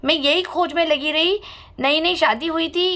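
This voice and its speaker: A woman's voice: very high voice, normal speed, bright, forceful tone. A woman recounting her own hard life story to listeners, aggrieved and bitter. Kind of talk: emotional personal testimony.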